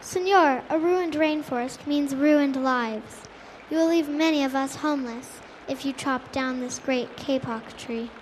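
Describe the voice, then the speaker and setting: A woman voicing a small male tree frog with a squeaky voice in a storybook. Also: measured pace, a little hiss or hum, rough recording. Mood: pleading.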